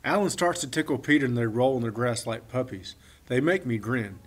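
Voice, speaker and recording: A man narrating a children's story with gentle expression. His voice sits in a middle register and has a husky, breathy grain. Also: medium pitch, animated, fairly quick. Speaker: audiobook reader.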